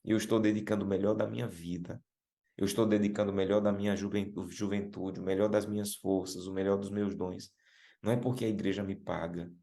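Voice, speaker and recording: Fervent low-voiced man preaching. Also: flat delivery, gravelly, mellow. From Brazil. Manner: emphatic, rises in pitch and slows down for stressed phrases; repeats key words, addresses listeners as "meu irmão". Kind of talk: sermon.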